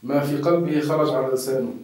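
Levantine-accented sheikh in an echoey room. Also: male voice, mid-range voice, darkish tone. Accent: Levantine Arabic. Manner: measured, emphatic explaining. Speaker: religious scholar answering questions. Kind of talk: religious Q&A answers. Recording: echoey room, distant mic.

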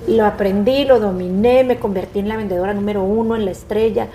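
A middle-aged woman, telling her story as a guest in a conversational interview, in an expressive, animated way. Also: mid-range voice, a little fast, a little hiss or hum. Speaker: guest, businesswoman.

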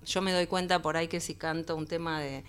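A woman with a porteño Buenos Aires accent talks in a loose, rambling way, guest on a studio radio show. Her voice sits fairly low and sounds smooth and clear. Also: flat delivery, brisk, fairly bright tone. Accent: Buenos Aires Spanish. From Argentina, raised partly in Peru. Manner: chatty, rambling, frequent "viste" tags. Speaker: singer guest. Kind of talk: casual interview chat.

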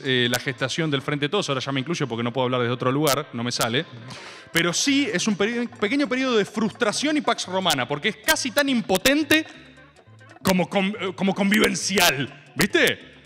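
Lively, bright-voiced Argentine man joking. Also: sits high, long reverb tail. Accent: Rioplatense Argentine Spanish. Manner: rambling, ironic, full of asides. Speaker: host. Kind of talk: comic political commentary on a live stream.

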